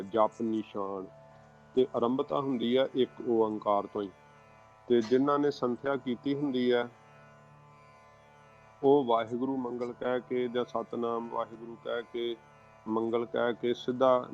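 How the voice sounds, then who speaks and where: Slow careful man teaching scripture recitation. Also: mid-range voice, darkish tone. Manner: slow, careful, spells out syllables and pauses. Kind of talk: religious pronunciation lesson. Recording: dull lo-fi recording with faint background music.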